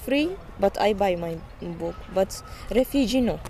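A young woman from Syria speaks earnestly in halting English with a Syrian Arabic accent, her voice sitting at an ordinary pitch. She is recorded outdoors in a camp, with clear ambient noise behind her. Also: expressive, dark tone. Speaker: refugee interviewee. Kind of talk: casual interview. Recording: noisy outdoor field recording.

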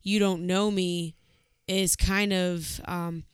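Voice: medium pitch, level tone, slow pace, smooth, no room sound, studio quality. A podcast co-host telling a story in casual chat, blunt and swearing freely.

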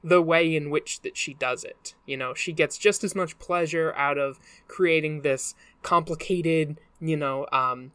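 A podcast co-host in casual chat, talking in a relaxed, laughing way with many "like" and "you know" fillers. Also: mid-range voice, measured pace, hardly any pauses, clean tone, no echo.

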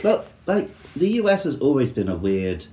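Joking Australian man, lively voice. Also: medium pitch, normal speed. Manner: laughs often, joking and sardonic. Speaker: podcast co-host. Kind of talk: casual chat. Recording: echoey room with faint ambient noise.

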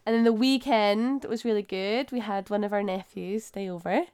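A Scottish woman chats informally as a podcast co-host. Her voice is very clean and smooth, sitting at a medium pitch for a woman. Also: normal speed, darkish tone. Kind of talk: casual chat.

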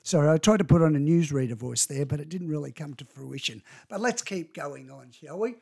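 A man's voice: fairly high pitch, animated, brisk, vocal fry, warm tone, breathy edge. A man giving an informal talk to parents, chatty and self-correcting, with frequent asides. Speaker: parent educator giving career advice.

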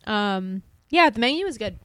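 A woman's voice: medium pitch, animated, normal speed, a bit bright, clean tone, no echo. A woman co-hosting a podcast in casual chat, talking freely and laughing often. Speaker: podcast co-host.

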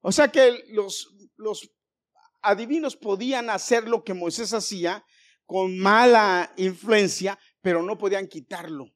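Delivering a sermon at a measured pace, a middle-aged man with a high voice tells stories mixed with jokes. He addresses his listeners as brothers.

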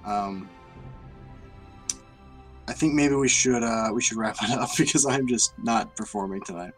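A man co-hosting a casual podcast, self-deprecating and halting, often laughing and restarting his sentences. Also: mid-range voice, soft background music, rough recording. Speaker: podcast co-host.

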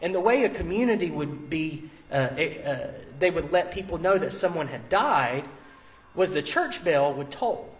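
Speaking at normal speed with lively intonation, a man with a slightly high voice delivers a conversational sermon at a live church service. He explains things informally as the pastor, dropping casual asides along the way.

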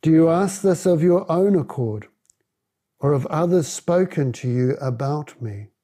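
A man voicing a calm, steadfast man on trial in a scripture reading. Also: fairly high pitch, a little slow.

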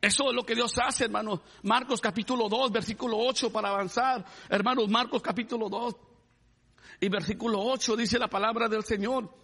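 A man's voice: high voice, steady tone, a little fast, fairly bright tone, slightly rough. A man preaching a sermon, calling his listeners "brother" and asking them to praise the Lord. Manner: repeats "hermano" and asks the congregation to praise the Lord. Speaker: pastor.

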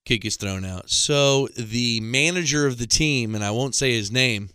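A man's voice: medium pitch, unhurried, bright, forceful tone, clear, resonant tone, dry recording, studio quality. A man in his thirties telling a rambling, exasperated comic story into a microphone, with self-mocking asides. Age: 30s. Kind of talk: comedic monologue. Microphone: studio microphone.

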